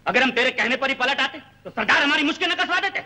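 An actor playing a ruthless, domineering male bandit leader in a 1960s film, gruff and commanding. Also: very high-pitched, lively intonation, fast, pushed and bright, full character voice. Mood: harsh.

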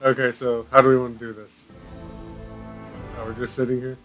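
A man's voice: medium pitch, flat delivery, moderate pace, fairly bright tone, soft background music. A man with a slightly stuffy voice, trading sarcastic, swearing quips in casual co-op game chat. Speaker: gamer.

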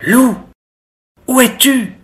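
A reader voicing an excitable little girl goat in a children's storybook, talking high and giggly. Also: unhurried. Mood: excited.

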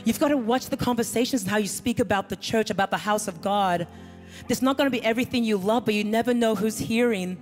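Talking fast in a slightly high voice, a middle-aged woman pastor delivers an earnest sermon into a handheld mic. She stands on a big church stage with a band at her back, recorded in an echoing hall with music playing.

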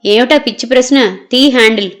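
A man's voice: very high-pitched, a little fast, fairly bright tone. A woman voicing an impatient older army husband who barks orders irritably, in a storybook reading with faint music behind. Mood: irritable.

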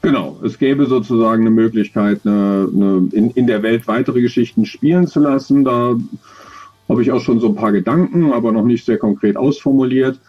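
A middle-aged man, an audio drama author, answers interview questions thoughtfully but hesitantly, often searching for words as he explains. His mid-range voice is slightly rough at a moderate pace, and the audio sounds dull, recorded on a video call close to the webcam.

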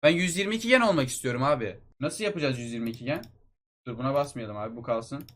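A young man giving excited commentary on a mobile football game, talking to his viewers like friends. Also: mid-range voice, quick pace.

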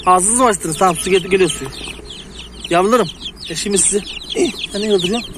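A man's voice: high-pitched, fast talker. A man vlogging in a farmyard, chatting to his viewers and calling to his chicks and geese. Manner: chatty, talks to viewers and calls to the animals. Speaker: hobby farm vlogger. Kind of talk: casual outdoor vlog. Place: outdoors in a farmyard with poultry. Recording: noisy outdoor farmyard recording. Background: chickens, roosters and birds.

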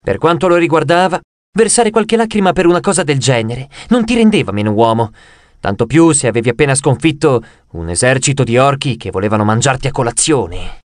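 A man reading an audiobook aloud with a slightly raised voice. The sound is close and dry, with no room around it. He tells the story with steady expressive care. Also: a little high, dry recording. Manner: expressive storytelling, voicing characters' dialogue. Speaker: audiobook narrator. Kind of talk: scripted narration.

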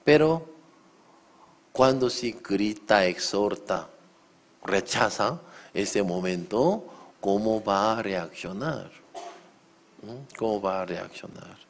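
Slow, low-voiced pastor preaching. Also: male voice, expressive, gravelly, slight background noise. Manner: acts out shouting quotes, asks the congregation questions. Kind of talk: sermon.

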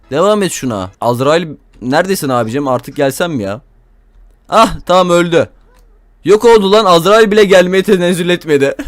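Young man, casual game commentary, lively rising and falling pitch, dry close mic. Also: no echo. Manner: crude, joking, talks to viewers and game characters. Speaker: gameplay commentator.

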